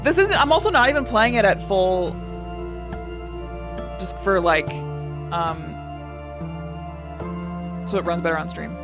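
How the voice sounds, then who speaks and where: A young adult woman streamer reacting in casual chat, excitable and swearing freely. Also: mid-range voice, unhurried, long pauses, music in the background.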